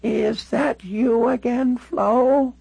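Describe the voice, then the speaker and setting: A man voicing a frail, confused 96-year-old Canadian woman in an audiobook, speaking in a slow, wandering, quavering way. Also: extremely high pitch, steady tone, creaky, darkish tone, husky, dry recording, pitched above the performer's own voice, full character voice. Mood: confused, gentle. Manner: drawn-out, wandering speech. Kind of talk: audiobook character voice.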